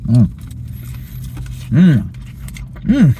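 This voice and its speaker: A man chats casually to his viewers as he reviews food, chewing through his words and humming over bites. His pace is slow, with an animated, swinging pitch. Faint vehicle noise sits behind him. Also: dull audio. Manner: chewing and talking with mouth full between bites; savoring hums and mm sounds.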